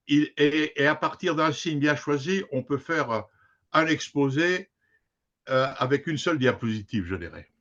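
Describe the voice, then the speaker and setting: A man giving an explanatory academic presentation in a measured way, pausing now and then. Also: fairly high pitch, fairly bright tone. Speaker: introductory speaker. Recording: dull, lo-fi sound.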